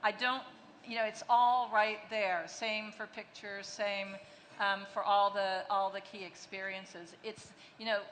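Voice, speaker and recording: Bright-voiced woman on a conference stage. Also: mid-range voice, little pitch movement, measured pace. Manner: fluent, with frequent restarts and fillers. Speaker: company executive on a panel. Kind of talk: conference panel answers. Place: large conference hall. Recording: long hall reverb, faint noise.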